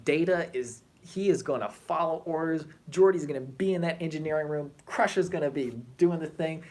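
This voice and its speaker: A man vlogging in a casual, animated way, chatting and drifting between tangents. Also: on the high side. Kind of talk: casual chat to camera.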